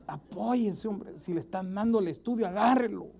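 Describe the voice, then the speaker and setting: A preacher man delivers a sermon, pressing his listeners with repeated rhetorical questions. His voice sits high for a man, yet it has a soft, mellow color. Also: moderate pace, creaky.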